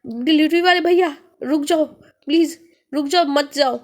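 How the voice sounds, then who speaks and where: A terrified young tenant begs to be taken away from a haunted house, as a woman storyteller puts him on. His pleading climbs high and strained, and the voice sits well up in pitch throughout. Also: moderate pace, natural voice. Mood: panicked. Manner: panicked pleading, voice rising high. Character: frightened young man renting a haunted house.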